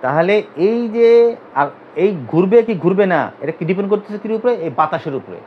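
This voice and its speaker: Guy from bangladesh teaching anatomy, fast, keeps asking students to repeat stuff, bit of faint hum behind. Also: sits high, lively intonation. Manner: drills students with repeated questions. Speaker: physiotherapy teacher. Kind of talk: classroom anatomy lecture. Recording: dull lo-fi recording.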